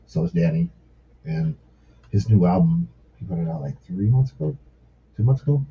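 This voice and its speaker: A man telling stories in a casual podcast chat, excitable and full of swearing. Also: low-pitched, moderate pace, slight background noise. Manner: profane, excitable storyteller. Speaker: podcast guest. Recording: muffled lo-fi podcast audio.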